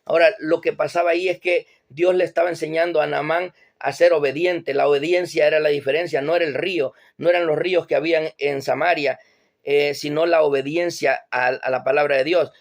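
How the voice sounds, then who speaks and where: Man retelling Bible stories, higher voice. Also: steady tone, a little fast. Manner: plain conversational retelling. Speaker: Bible teacher. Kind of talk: informal Bible storytelling.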